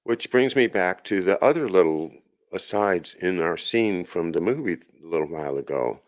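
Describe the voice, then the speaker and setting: Deep-voiced male host, loose rambling monologue, lots of restarts. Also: expressive, normal speed. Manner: rambling, with many restarts and asides. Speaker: podcast host. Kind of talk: casual monologue.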